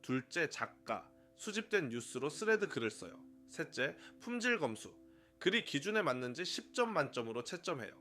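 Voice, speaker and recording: A man narrating a scripted tutorial for his own channel in a brisk, upbeat, explanatory way, counting off numbered points. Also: a little high, sing-song, sharp tone, faint music behind. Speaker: YouTuber running a one-person media channel.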